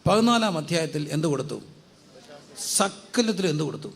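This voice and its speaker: A man preaching as a guest pastor, asking rhetorical questions, answering them himself and urging the congregation to repeat after him louder. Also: a little high, sing-song, brisk, gravelly. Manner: drives call-and-response, urging the crowd to say it louder. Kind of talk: sermon.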